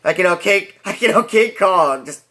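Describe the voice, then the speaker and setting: A man talks through a movie review in a loose, rambling way, restarting sentences and piling on fillers. His voice sits a little high for a man. He gets animated and laughs at his own jokes. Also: normal speed. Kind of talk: casual spoken review.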